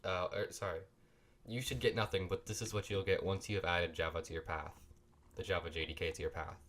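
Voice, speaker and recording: Speaking fast in a low, level voice with a fairly bright tone, a man who sounds sick hosts a coding tutorial from his home computer desk. He's loose and apologetic, chatting as he clicks through each step, and there's a little hiss or hum in the recording.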